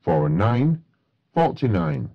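A man calls bingo numbers in a formulaic, matter-of-fact way. His voice is husky and swings noticeably in pitch as he goes at a slow pace. The sound is a little dull and lo-fi. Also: sing-song. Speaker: bingo caller. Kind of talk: bingo calling, each number announced in a set phrase.

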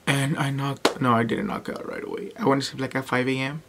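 A woman's voice: a bass voice, steady tone, brisk, creaky, background noise. Blunt, swearing young woman vlogging. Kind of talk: casual vlog chat. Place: bedroom at home.

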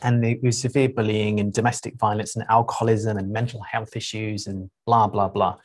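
A middle-aged man, a spiritual teacher, speaking to a group in an unhurried, reflective way with frequent pauses and 'um's. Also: lowish voice, flat delivery, slight background noise.

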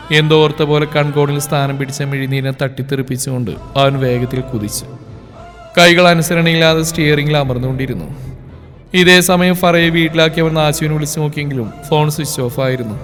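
A man reading a novel aloud in a steady, emotional storytelling voice. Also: on the high side. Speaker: story narrator. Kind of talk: scripted novel narration. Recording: reverb with background music.

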